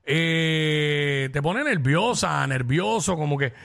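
A Puerto Rican man co-hosts a radio talk show. His voice is high for a man and bright in tone. He teases his partner and throws in quick jokes. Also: expressive, gravelly. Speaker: radio co-host. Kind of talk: casual radio banter.

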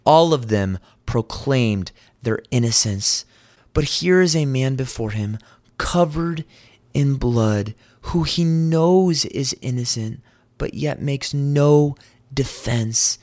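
A man's voice: medium pitch, expressive, takes it slowly, darkish tone, no echo. A man preaching a sermon, telling the story earnestly and voicing the quoted lines with rising intensity.

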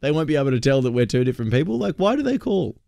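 A man's voice: medium pitch, big pitch swings, rapid-fire, creaky, mellow, dry recording, clean studio sound. An Australian man co-hosting radio with casual, wry, questioning banter. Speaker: radio host.

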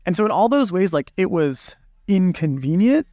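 A man's voice: high-pitched, sing-song, normal speed, mellow, dry recording, studio quality. A man who is a podcast guest, talking over research practice in a reflective, loose way with many fillers and restarts. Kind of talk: casual podcast conversation.

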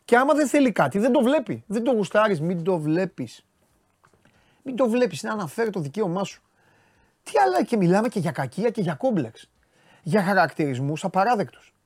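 Greek man, sports talk host, exasperated and rhetorical, very lively pitch, dry close sound. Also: no echo. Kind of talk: casual talk to viewers.

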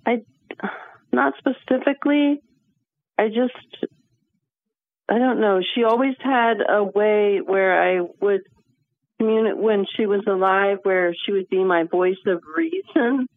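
A woman's voice: mid-range voice, measured pace, dry recording. A woman from Connecticut calling in to a radio show over the phone, speaking hesitantly. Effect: phone line. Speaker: caller. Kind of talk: call-in radio chat. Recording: tinny dry phone line.

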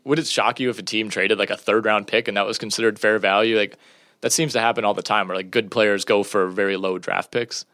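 Male podcast co-host, lowish voice, talky and meandering, dry close mic. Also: fairly even intonation, brisk, fairly bright tone, dry recording. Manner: chatty, rambling, many fillers. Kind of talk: casual sports chat.

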